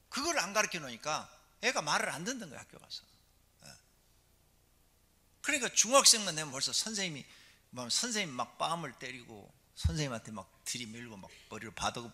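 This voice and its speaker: A middle-aged male pastor giving a lively, conversational sermon in church, full of rhetorical questions. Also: mid-range voice, husky. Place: church sanctuary.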